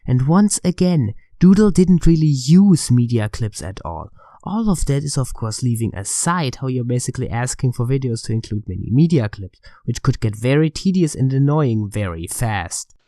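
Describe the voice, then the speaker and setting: Brief: male commentator, mellow darker tone, dry close recording, sardonic and exasperated. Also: medium pitch, animated, normal speed, hardly any pauses, no room sound. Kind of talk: scripted commentary voice-over.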